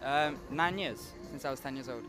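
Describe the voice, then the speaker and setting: A man's voice: mid-range voice, normal speed, loud music behind the voice. A nineteen-year-old man from Liverpool, a skateboarder being interviewed at an outdoor event, who answers hesitantly with many filler sounds. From Liverpool, England. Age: young adult, 19.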